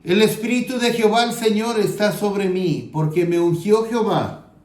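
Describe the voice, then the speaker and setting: A pastor with a Mexican Spanish accent delivers an earnest sermon, reading scripture aloud and slowing down to stress key points. His voice sits high with a darkish tone, and the room is echoey.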